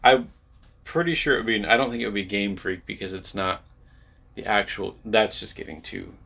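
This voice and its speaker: A man's voice: fairly low pitch, normal speed, gravelly, sharp tone, husky. Rambling, jokey male vlogger. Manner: rambling, jokey, trails off with "I don't know". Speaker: collector channel co-host. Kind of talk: casual chat.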